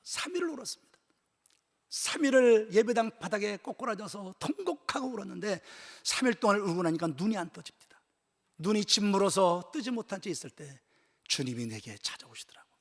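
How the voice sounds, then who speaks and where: A male pastor preaching an emotional sermon at a church retreat. He tells a personal story, swinging from loud exclamations to hushed whispers. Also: high-pitched, lively intonation, fairly quick. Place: church sanctuary. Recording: echoey church hall with long reverb.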